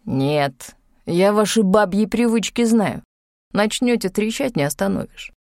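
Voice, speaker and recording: A woman's voice: mid-range voice, animated, unhurried, a little mellow, no echo, clean studio sound. A woman reading an audiobook and voicing a curt, commanding young man who grumbles and gives orders. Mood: irritated. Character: gruff bossy young man, secretive and impatient. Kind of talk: audiobook character voice.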